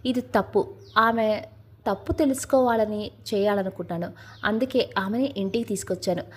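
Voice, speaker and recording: A woman voicing an anxious, gentle young wife in a Telugu audio story, speaking in a hesitant, pleading way. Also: medium pitch, moderate pace, slightly rough, natural voice.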